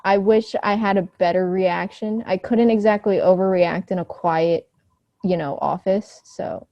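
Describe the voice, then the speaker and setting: A teenage girl hosting a casual chat with friends on a video call, telling stories with quick, giggly asides. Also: mid-range voice, steady tone, no echo, muffled recording. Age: teens.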